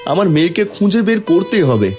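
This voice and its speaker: A man's voice: sits high, very animated, fairly quick, music in the background. A man playing a kind, anxious, determined woodcutter father, earnest and a little hesitant, in a fairy-tale cartoon.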